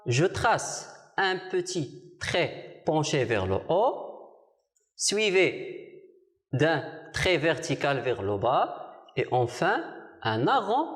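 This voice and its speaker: A primary school teacher giving a televised French lesson, asking the pupils questions and answering them, repeating words with care. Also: mid-range voice. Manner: slow, deliberate, repeats words for clarity. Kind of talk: televised distance-learning lesson.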